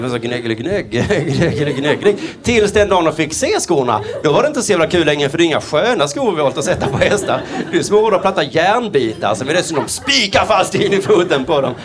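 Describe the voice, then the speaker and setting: A man doing a stand-up routine, telling absurd deadpan jokes and slipping into quick voiced asides. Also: a little high, a crowd in the background. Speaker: stand-up comedian. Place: comedy stage before a live audience. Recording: stage mic with loud audience laughter.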